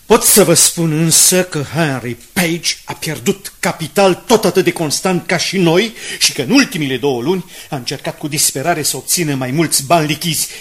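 In a 1980s Romanian radio drama, an actor plays a brash, confident scheming newspaperman with an emphatic, persuasive delivery. His voice is on the high side and slightly rough, with few pauses.

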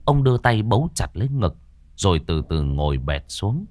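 A man narrating a ghost story in a dramatic, expressive storytelling manner. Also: fairly low pitch, moderate pace, dry recording.

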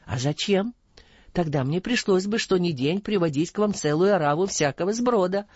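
A corrupt older judge, acted by the audiobook reader, cornered and evasive under questioning. His voice swings between hushed and shrill. The sound is muffled and dry. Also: expressive, moderate pace, slightly rough, no echo. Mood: timid. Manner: timid, evasive.

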